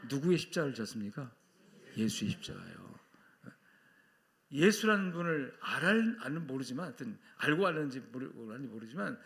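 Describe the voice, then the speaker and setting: A man's voice: a little high, a bit bright. A male pastor preaching a Sunday sermon with strong emphasis, acting out quoted voices and asking the congregation to repeat after him.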